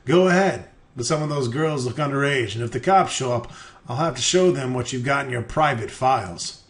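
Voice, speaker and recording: A man reading a game's narration aloud in a deadpan delivery, breaking in with profane, mocking jokes as a let's player. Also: medium pitch, fairly quick, slight background noise. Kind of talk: reading game text aloud with crude jokes.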